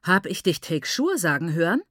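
A woman's voice: on the low side, big pitch swings, moderate pace, fairly bright tone, no echo, studio quality. A woman reading the lines of a stern older man who heads the family, speaking in a commanding, questioning way. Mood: shocked.

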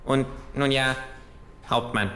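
A man voicing a cheeky, quick-witted male kangaroo in a live comedic reading, teasing and mock-formal. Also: mid-range voice, steady tone, sharp tone, a little hiss or hum, voice pushed up. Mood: smug teasing.

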